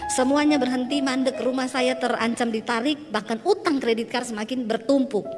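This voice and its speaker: Woman pastor, high voice, emotional testimony sermon, hall reverb with faint music behind. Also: fairly even intonation, moderate pace. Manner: emotional testimony with audience banter.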